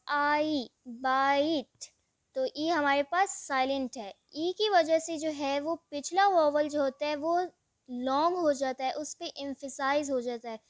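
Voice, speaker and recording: A woman's voice: high voice, dry recording, clean studio sound. A woman teaching English vowels, spelling out words letter by letter and stretching the vowel sounds in a patient classroom manner. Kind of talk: slow classroom explanation.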